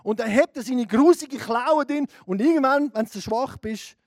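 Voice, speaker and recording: Fervent high-voiced Swiss preacher. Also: male voice, a little slow, dry recording, studio quality. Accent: Swiss German. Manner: fervent, swings from hushed to shouting. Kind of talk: sermon.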